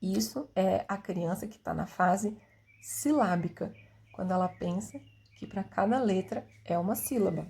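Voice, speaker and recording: A woman with a mid-range pitch teaches a lesson on how children learn to write. She explains in a clear, didactic way. She sounds out syllables and acts out a child's reasoning. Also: unhurried, dark tone. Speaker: teacher explaining literacy theory.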